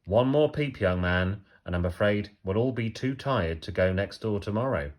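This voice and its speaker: A man's voice: on the low side, expressive, normal speed, close to an everyday voice. A man reading a storybook, voicing a firm, weary father talking to his small son.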